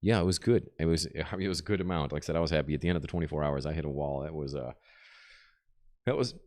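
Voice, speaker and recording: A man's voice: a bass voice, steady tone, very fast, darkish tone. A man, a tattoo artist, chatting casually on a live stream as he works, explaining technique in a laid-back way into a desk microphone. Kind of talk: casual live-stream chat while working.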